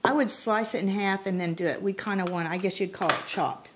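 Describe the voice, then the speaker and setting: A middle-aged woman talks through a home recipe in an easy, explanatory way. Her voice sits at a middle pitch. A faint hiss runs under the kitchen recording. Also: a little fast. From Oklahoma. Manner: chatty and explanatory. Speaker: cooking channel co-host. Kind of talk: casual cooking chat.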